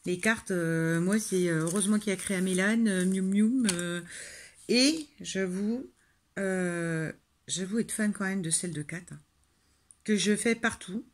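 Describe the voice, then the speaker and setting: Making a card on camera, a French tutorial host rambles in a self-deprecating way, with plenty of fillers in her casual talk-through. She speaks a little slowly in a medium-pitched voice.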